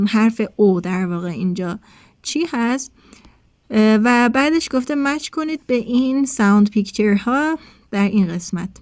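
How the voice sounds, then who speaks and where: A woman English teacher explaining a textbook lesson to her students, talking slowly with frequent filler sounds and switching between languages. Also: on the high side, darkish tone, dry recording, studio quality.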